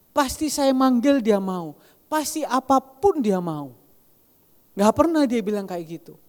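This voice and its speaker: Animated preacher in a hall. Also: male voice, sits high. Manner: animated storytelling, often addresses the congregation directly. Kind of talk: sermon. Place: large church hall. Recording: reverberant church hall.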